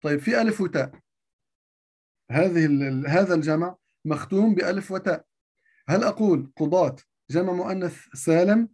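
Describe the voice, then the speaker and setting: A man's voice: high voice, brisk, darkish tone, husky. A man giving a grammar lesson, repeating each point and asking himself rhetorical questions before answering them. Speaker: teacher of Arabic grammar.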